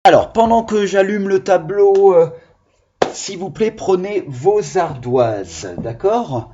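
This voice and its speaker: Male teacher, slow patient phonics lesson, lively rising and falling voice, mellow tone, slightly dull lo-fi audio. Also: sits high, a little hiss or hum. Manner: patient, slow and clearly sounding out syllables. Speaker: primary school teacher. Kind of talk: video phonics lesson for young children.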